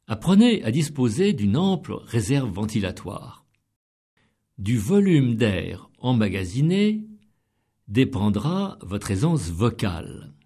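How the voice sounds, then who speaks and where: Husky, mellow-voiced male speaking coach. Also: mid-range voice. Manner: deliberate, emphatic, counts points off. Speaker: public speaking instructor. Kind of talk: scripted instructional narration.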